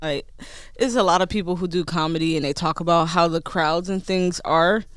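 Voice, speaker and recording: A woman's voice: lowish voice, normal speed, dry recording, studio quality. A woman with a slight lisp in casual podcast chat, swearing and acting out quoted people. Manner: animated, swearing, acts out quotes. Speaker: podcast co-host.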